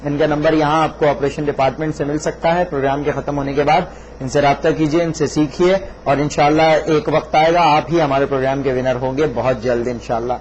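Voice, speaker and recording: A man's voice: fairly high pitch, steady tone, few pauses, a little mellow, lo-fi sound. Courteous male broadcast host, noisy sound. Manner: courteous, formal, effusive praise. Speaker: host of a devotional recitation call-in show. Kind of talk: live broadcast presenting.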